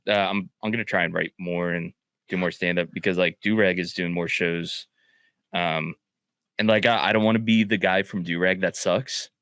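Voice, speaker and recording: Low-voiced man, casual podcast guest. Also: fairly even intonation, normal speed, a bit bright, no room sound. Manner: short backchannels, casual swearing. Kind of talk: casual chat.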